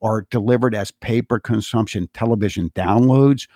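A man with a fairly low voice delivers a long political monologue. He hammers his points with insistent repetition, like a speech. The sound is dry and close, with no room echo. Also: moderate pace, mellow. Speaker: political commentator. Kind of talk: monologue commentary.

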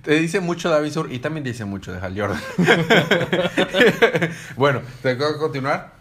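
A man chatting casually about comics, excitable and joking. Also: a little high, unhurried.

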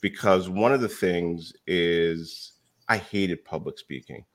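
A man with a deep, low voice speaks as a podcast guest. He tells his stories with energy, acting out the dialogue. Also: slow. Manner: animated storyteller, acts out quoted dialogue. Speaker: real estate education company founder.

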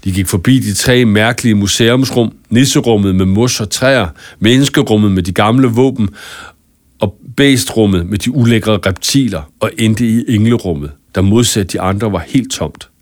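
A man reading a children's story aloud in a calm, even narration. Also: on the low side, no echo, clean studio sound. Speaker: audiobook narrator. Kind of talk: scripted narration.

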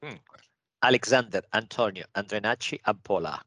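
Middle-aged guy from venezuela, upbeat podcast guest, lowish voice, dry close sound. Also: fairly quick, bright, forceful tone, no echo. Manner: upbeat and positive. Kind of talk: casual interview chat.

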